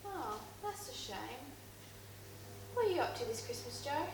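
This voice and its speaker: Actress as modest Brit friend, high voice, noisy echoey room. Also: female voice, very animated, moderate pace. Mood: defensive. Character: modest young woman defending herself to snobbish friends. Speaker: sketch character. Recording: roomy echo, clear background noise.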